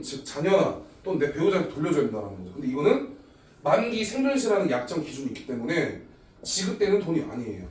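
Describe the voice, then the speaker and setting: A man in his thirties, an insurance agent giving a step-by-step explanatory lecture, often starting with "자". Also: a little high. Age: 30s. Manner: lively, explains step by step with frequent "자". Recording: echoey room, voice a bit far from the mic.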